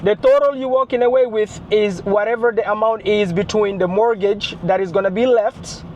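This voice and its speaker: A man's voice: sits high, fairly even intonation, moderate pace, darkish tone. A man negotiating as a real estate investor on a three-way phone call, explaining and repeating his points. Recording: phone call with faint noise.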